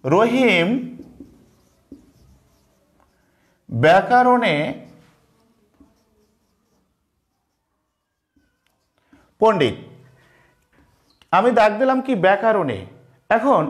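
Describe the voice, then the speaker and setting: A man with a Bangladeshi Bengali accent teaches an online grammar class in a fairly high voice. He goes slowly, repeating each key term and posing questions he then answers himself. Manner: slow, repeats key terms, asks and answers his own questions.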